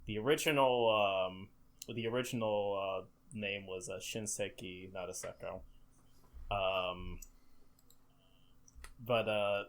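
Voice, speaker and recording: A man with a slightly low voice talks in a casual discussion. He goes haltingly, often rephrasing partway through. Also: steady tone.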